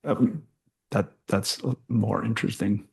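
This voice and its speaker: A man's voice: fairly low pitch, steady tone, slow, vocal fry, slight background noise. A man on a remote board meeting asking brief, hesitant questions.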